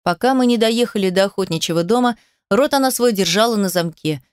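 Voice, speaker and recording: A woman's voice: mid-range voice, a little fast, clean tone, dry recording. Woman reading an audiobook, dry close sound. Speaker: audiobook narrator. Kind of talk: scripted first-person narration.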